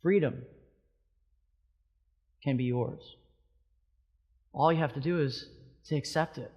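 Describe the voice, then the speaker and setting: Preaching in a medium-pitched voice at a slow pace, a thirty-something pastor from Hawaii moves between booming, emphatic peaks and soft, hushed stretches. The sound is lo-fi.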